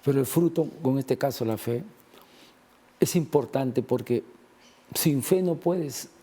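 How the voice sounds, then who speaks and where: A man's voice: mid-range voice, takes it slowly, dark tone, breathy edge. A man in a conversational religious talk, discussing faith and healing and retelling gospel scenes with acted-out quotes.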